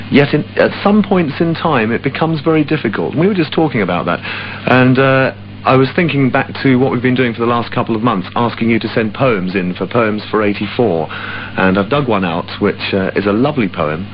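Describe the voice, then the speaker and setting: A man with a medium-pitched voice presents a late-evening radio show from a studio on an offshore radio ship, easygoing and chatty with small hesitations. It's a dull AM radio aircheck with music underneath and a little hiss or hum.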